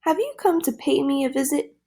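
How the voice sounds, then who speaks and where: A woman voicing a sly scoundrel man who squeaks in a high, funny voice while disguised as a grandmother in a storybook. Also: lively intonation, a little fast, vocal fry, dark tone. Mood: squeaky. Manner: gloating cackle.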